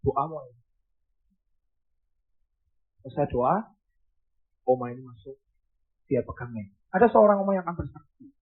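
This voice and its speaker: A man preaching a sermon as pastor, telling a story with shouted bursts and hushed drops. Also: medium pitch, moderate pace, long pauses, breathy edge. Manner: animated, shouting bursts then dropping to hushed. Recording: tinny phone-like sound.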